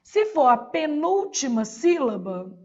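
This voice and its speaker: A woman's voice: high voice, very animated, slow pace, a little mellow, muffled recording. A Brazilian woman teaching a Portuguese exam-prep lesson, asking questions and answering them herself. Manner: didactic, asks and answers her own questions.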